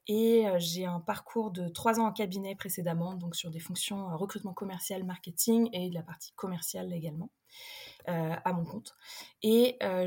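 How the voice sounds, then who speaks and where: A woman's voice: medium pitch, darkish tone, slightly rough. A young adult woman, a recruitment specialist, answering interview questions in a casual, hesitant way with many filler sounds.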